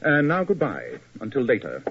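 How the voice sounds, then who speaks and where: An actor playing Sherlock Holmes in a 1940s radio drama, measured, polished and authoritative, on a lo-fi old broadcast. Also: male voice, medium pitch, huge pitch swings, background noise. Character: Sherlock Holmes, cool, precise detective.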